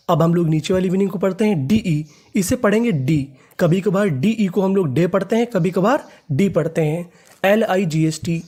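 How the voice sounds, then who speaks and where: An English reading teacher who spells words out letter by letter, asks questions and answers them himself, and drawls key words slowly when he repeats them. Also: mid-range voice, mellow.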